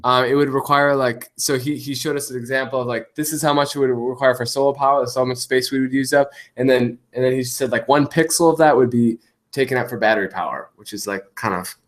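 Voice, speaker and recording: A man's voice: mid-range voice, fairly even intonation, fast. A man talking casually as a podcast guest, his voice coming through a staticky call with a glitchy, half-robotic distortion, rambling with lots of fillers and restarts. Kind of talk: casual chat over a call.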